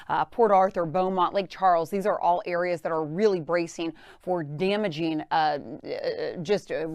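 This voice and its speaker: A woman's voice: on the low side, dry recording, clean studio sound. A woman presenting a live hurricane weather update as a forecaster, stressing key words emphatically.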